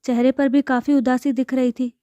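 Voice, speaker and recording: A woman narrating an emotional family story and voicing all the parts herself, with a soft, dramatic delivery. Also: high voice, level tone, a little fast, no room sound. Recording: dull lo-fi dry recording.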